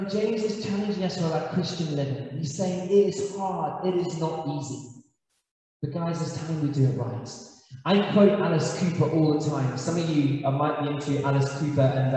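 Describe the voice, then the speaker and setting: A man from South Africa, a pastor, preaching a sermon and telling funny stories with lively energy. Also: on the high side. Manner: animated storytelling with humor. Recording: echoey hall from far off.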